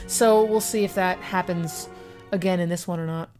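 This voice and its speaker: A woman's voice: fairly low pitch, steady tone, normal speed, darkish tone, soft background music. A young woman giving chatty, sarcastic commentary while playing a video game. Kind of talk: casual let's-play commentary.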